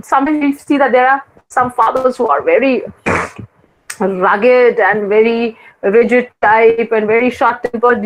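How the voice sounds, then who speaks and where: A woman's voice: medium pitch, low-quality recording. A woman lecturer with an Indian English accent teaching a class, repeating her points and often asking students whether they follow.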